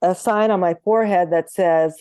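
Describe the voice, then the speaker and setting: A chatty, earnest woman homeopath speaking as an interview guest over a video call. Her voice is mellow and warm-toned, and the sound is dry and close. She tells stories and slips into acting out the dialogue. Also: fairly low pitch, normal speed, smooth, no room sound. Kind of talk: conversational interview.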